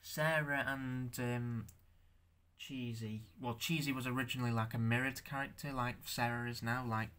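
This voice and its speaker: A young man with a bright, forceful voice shows off his handmade figures in a loose show-and-tell. He stammers, restarts and swears as he goes, and he sounds unused to talking out loud. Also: mid-range voice, steady tone, clean tone. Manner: halting, stammering, swears, self-conscious. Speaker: stop-motion creator showing his figures.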